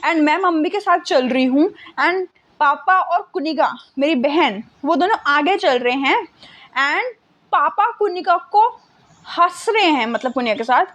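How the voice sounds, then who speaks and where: A young woman tells a personal storytime in a high, bright voice. She is animated and self-mocking, and she drops English words into her speech. The delivery is relaxed and chatty. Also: unhurried. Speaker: content creator. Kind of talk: casual storytime.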